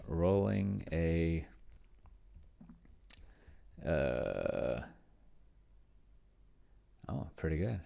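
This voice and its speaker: A man with an extremely low, darkish voice full of vocal fry thinks aloud while playing a roleplaying game, often muttering, trailing off, and stretching out words as he types. He's a solo tabletop roleplayer who hosts videos, and keyboard clatter sounds in the background.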